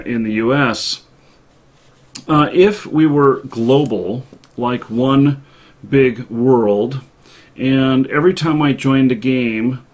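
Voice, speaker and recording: Rambling man hosting a call-in show. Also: medium pitch. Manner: rambling, thinks aloud while talking. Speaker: live show host taking calls. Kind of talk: casual call-in chat.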